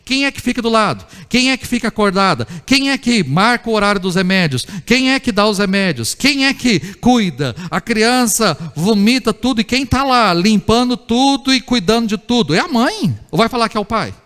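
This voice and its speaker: Man preaching with high voice in reverberant hall. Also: very animated, normal speed, few pauses, a bit bright, clear, resonant tone. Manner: conversational preaching with rhetorical questions and acted-out family scenes. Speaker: pastor. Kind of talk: sermon. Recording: church hall with long reverb.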